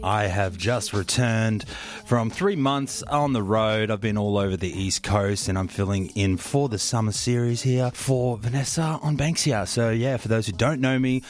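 A man's voice: on the low side, normal speed. A man from the Eastern Torres Strait hosting a community radio show in a studio, chatty and friendly, laughing with his guests. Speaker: radio host. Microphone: studio microphone.

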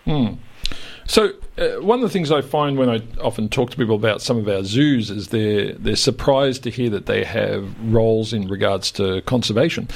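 A man's voice: lowish voice, normal speed, creaky, a little mellow. An Australian man hosting a science radio show, chatting casually with informal, joking banter. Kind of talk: casual live radio chat.

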